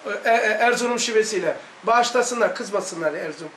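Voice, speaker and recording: A man's voice: high-pitched, normal speed, a bit bright, echoey room, slight background noise. A man with a Laz Turkish accent, giving an emphatic religious lesson full of repetition and rhetorical questions. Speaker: religious study teacher.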